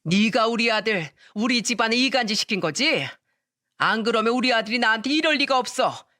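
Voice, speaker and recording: A woman playing a grasping, domineering mother-in-law in a storytelling radio drama, loud and drawn-out as she demands things. Her words stretch slowly and sound a little set back from the mic. The recording is dry. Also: mid-range voice, animated, no echo, close to an everyday voice. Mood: shrill.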